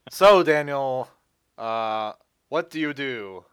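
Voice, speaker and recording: A man's voice: medium pitch, fairly bright tone, clean tone, dry recording, clean studio sound. A man hosting a casual podcast chat, laughing often and swearing casually. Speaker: podcast host.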